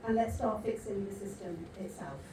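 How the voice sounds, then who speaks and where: A woman's voice: medium pitch, normal speed. A woman moderating a conference panel, delivering her points in an emphatic, rhetorical way. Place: large conference hall. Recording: echoey hall from far off, noisy.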